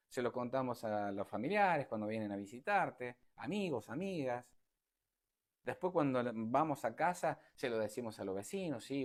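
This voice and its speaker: A man's voice: mid-range voice, a little mellow. A man giving an informal lecture to an online audience over a video call, talking in a repetitive, emphatic, conversational way. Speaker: speaker giving a talk.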